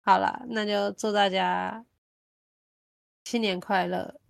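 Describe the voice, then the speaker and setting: A woman with a Taiwanese Mandarin accent, chatting casually as a podcast host and telling things in an animated, colloquial way. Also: mid-range voice, slow pace, gravelly, dry recording, studio quality. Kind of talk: casual chat.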